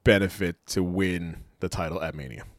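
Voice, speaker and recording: A man with a fairly low voice talks casually as a co-host, often laughing and stumbling over repeated words. The sound is dry and close, with no room echo. He keeps an easy, chatty flow. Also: moderate pace. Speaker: podcast co-host. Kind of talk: casual chat.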